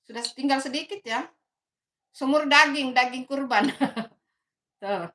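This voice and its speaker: A woman's voice: sits high, slow, sharp tone. A woman in her fifties from Makassar, chatting casually with viewers in her bedroom on a livestream. She calls herself Bunda, laughs often and talks in a motherly way. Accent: Indonesian, from Makassar. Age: 50s. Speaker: livestream host. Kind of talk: casual livestream chat, reading viewer comments. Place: bedroom at home.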